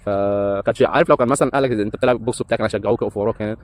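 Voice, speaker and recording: Here a man with a fairly low voice talks very fast. He is in his thirties, has an Egyptian Arabic accent, and works as a breakdancer and hotel entertainer, recounting his life story casually and ramblingly with plenty of hesitant fillers.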